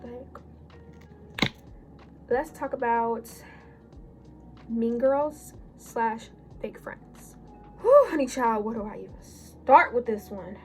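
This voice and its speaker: A teenage girl in a casual get-ready-with-me chat, rambling and correcting herself as she goes, her voice a little hoarse, recorded on a phone. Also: a little high, animated, slow, long pauses, a little mellow, faint music behind, rough recording. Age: late teens. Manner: rambling, chatty, self-correcting. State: slightly hoarse. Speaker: beauty vlogger. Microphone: phone camera.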